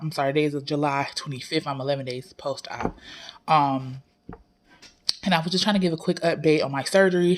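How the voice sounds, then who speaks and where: A woman vlogger giving a casual, conversational personal update, with a congested nasal sound as if her nose is packed. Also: low voice.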